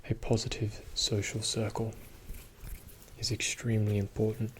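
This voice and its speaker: A man giving a soothing, reassuring ASMR pep talk in a soft-spoken, often whispered voice, slow and deliberate. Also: fairly low pitch, monotone, a little hiss or hum. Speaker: ASMR video host.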